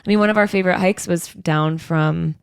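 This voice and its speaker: A woman's voice: lowish voice, steady tone, fairly quick, gravelly, clear, resonant tone, no echo, clean studio sound. A woman co-hosting a podcast in casual chat, playful and teasing in manner. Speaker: podcast co-host.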